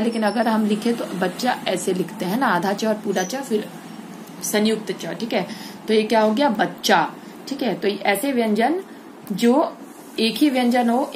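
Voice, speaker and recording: A woman's voice: medium pitch, slight background noise. A woman teaching a school grammar lesson online, explaining step by step and asking and answering her own questions.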